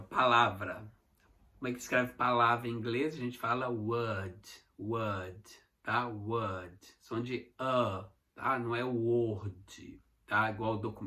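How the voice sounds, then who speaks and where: A man from Minas Gerais with a Mineiro Brazilian accent, teaching English words in an online lesson and repeating each one slowly for pronunciation practice. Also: medium pitch, pushed and bright. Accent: Mineiro Brazilian Portuguese. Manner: slow, repeated pronunciation drills with frequent "tá?" check-ins.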